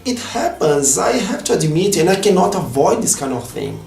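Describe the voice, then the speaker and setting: Faint music plays behind a reverberant recording of a Brazilian man, a native Portuguese speaker, delivering a heartfelt vlog monologue. His voice sits high and is gravelly and darkish, very animated at normal speed, with a slightly non-native turn of phrase.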